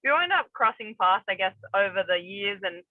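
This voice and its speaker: A woman's voice: medium pitch, sing-song, a little fast, dry recording. A young woman from New Zealand, an MMA fighter, chatting casually as an interview guest, rambling with many fillers and restarts. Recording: tinny phone-like remote call, dry.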